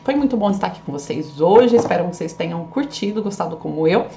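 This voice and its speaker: A woman's voice: on the low side, animated, fast talker, mellow, a little hiss or hum. A woman teacher giving a recorded class lesson, patiently explaining an exercise and often checking that students follow.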